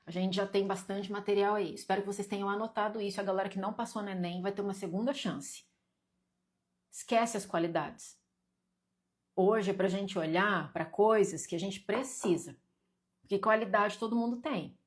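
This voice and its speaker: A woman's voice: medium pitch, steady tone, normal speed. A Brazilian woman hosting a live stream and guiding viewers through an exercise. She reads their comments aloud and talks to them in a direct, teasing way, repeating points and pressing them.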